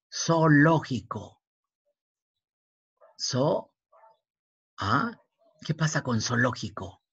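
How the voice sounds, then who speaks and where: A male teacher giving a language lesson, speaking slowly, spelling out letters one by one and repeating words. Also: medium pitch, husky, no echo. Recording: dull, dry, lo-fi recording.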